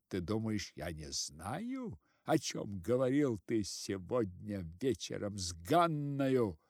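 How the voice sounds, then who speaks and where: A man's voice: extremely low pitch, slightly rough, no room sound, studio quality, pitched below the performer's own voice, exaggerated voice. A man voicing a fierce village woman who scolds an old man shrilly in a storybook reading.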